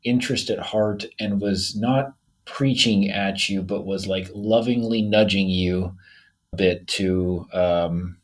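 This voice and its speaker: A man hosting a podcast, chatting in a relaxed way and telling stories with quotes. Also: low-pitched, takes it slowly. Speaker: podcast host. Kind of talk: casual interview chat.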